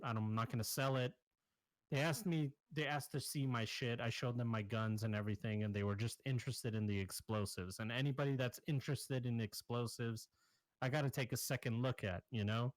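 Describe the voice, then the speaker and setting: A man's voice: medium pitch, no echo, close to an everyday voice, poor audio. Shady arms dealer, jumpy and evasive, done by a man in his own voice, dry sound. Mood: defensive. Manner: defensive, pleading, evasive.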